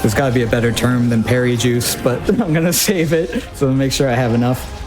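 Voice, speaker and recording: A man's voice: mid-range voice, brisk, music in the background. A man giving casual, wry live commentary on his own speedrun, often breaking off his sentences as he thinks aloud. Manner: informal, wry, self-interrupting thinking aloud.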